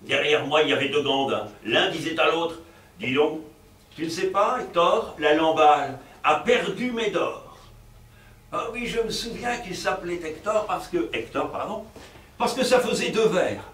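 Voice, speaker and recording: Stage farce: male actor as a giddy, lecherous professor, high and lively, roomy distant sound. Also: moderate pace. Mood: comic. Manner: theatrical, excitable, chuckling asides to the audience. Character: bumbling middle-aged male provincial professor, lecherous and fussy. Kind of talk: live stage comedy performance. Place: theater stage.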